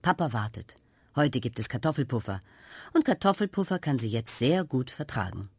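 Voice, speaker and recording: A woman reads a children's radio story aloud in a low, gently expressive voice that rises and falls widely. Her tone carries a husky, slightly gravelly grain, recorded close and dry in a studio. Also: moderate pace, no room sound. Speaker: narrator.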